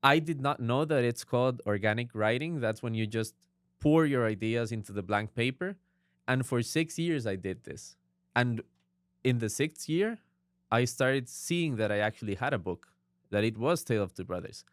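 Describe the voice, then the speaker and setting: A man's voice: medium pitch, lively intonation, normal speed, no echo, studio quality. A young Costa Rican man with a Costa Rican accent, a guest author explaining his writing earnestly in a casual interview. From Costa Rica. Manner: earnest, explaining at length with many affirmations.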